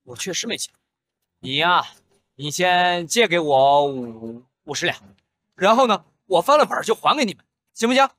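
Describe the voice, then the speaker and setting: A man's voice: high-pitched, very animated, normal speed, bright, forceful tone, dry recording, exaggerated voice. An actor playing a broke young male gambler in a costume TV drama, pleading and whining, yelping when hurt. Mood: indignant. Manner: pleading, whiny, yelps in pain.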